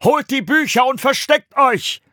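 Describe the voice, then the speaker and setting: A man's voice: a little high, animated, moderate pace, a bit bright, husky, no room sound, studio quality, voice pushed up. A man doing a commanding monk. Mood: urgent. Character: adult male monk, calm leader.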